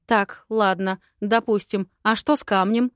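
A woman reading an audiobook voices a feisty, sarcastic young bride with shrill, exasperated outbursts. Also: fairly even intonation, unhurried, no echo, studio quality, natural voice. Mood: incredulous.

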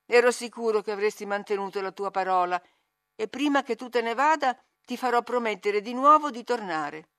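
A woman's voice: fairly high pitch, expressive, fairly quick, fairly bright tone. A woman doing a sickly young man. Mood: plaintive.

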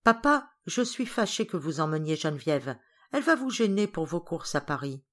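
A woman voicing an excitable, somewhat spoiled young boy in an audiobook, raising her voice. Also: low-pitched, normal speed, full character voice. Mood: eager.

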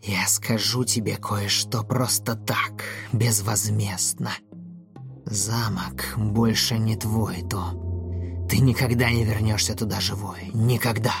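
A man voicing a dying, cruel female manticore in a storybook, with a hoarse, wheezing voice and a slow, gloating drawl. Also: lowish voice, steady tone, music in the background. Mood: menacing.

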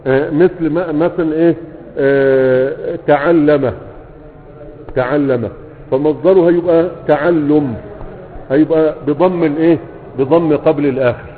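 A man with an Egyptian Arabic accent teaching Arabic morphology. He repeats verb patterns slowly and often checks that his students understand. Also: fairly high pitch, fairly even intonation. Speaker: grammar teacher. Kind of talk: spoken lesson explaining verse on Arabic morphology. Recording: phone-like sound with a long reverb.

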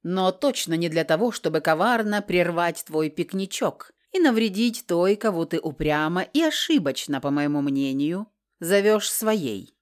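Audiobook: a proud, sly nonhuman man, read by a woman, smoothly mocking. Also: on the low side, animated, a little slow.

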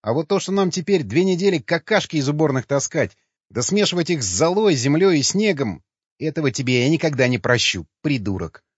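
A man voicing an anguished young male survivor who talks bluntly and roughly. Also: on the high side, sing-song, fairly quick, no room sound. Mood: bitter. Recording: dull, slightly lo-fi dry recording.

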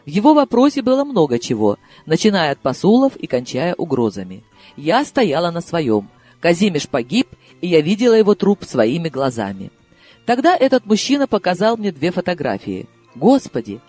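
Expressive male audiobook reader. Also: sits high, normal speed. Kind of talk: scripted first-person narration. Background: soft background music.

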